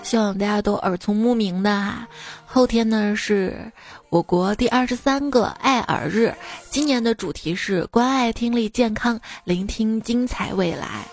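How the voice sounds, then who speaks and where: A woman's voice: mid-range voice, measured pace, soft background music. A woman radio host reading funny listener stories in a playful, laughing manner. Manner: playful, laughing often, doing small voices.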